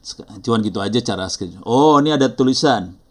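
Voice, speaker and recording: A man's voice: medium pitch, animated, fairly quick. A middle-aged man with an Indonesian accent teaching an online class, talking casually and apologizing often as he thinks aloud. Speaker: instructor. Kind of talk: live online teaching session.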